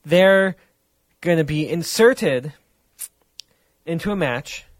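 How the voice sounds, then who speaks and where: A man co-hosts a casual podcast, chiming in with short quips and quick recaps. His voice sits a little high for a man. The recording is dry and close. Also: animated, no echo. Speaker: podcast co-host. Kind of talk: casual chat about wrestling.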